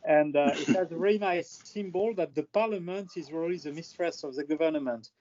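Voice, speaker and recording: A man with a French accent chats on a video call, stopping often to search for words. His voice sits a little high. The call audio is dull and lo-fi. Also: brisk, a little mellow, slight background noise. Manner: hesitant, many fillers and restarts. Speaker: presenter on France in a video call. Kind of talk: casual chat.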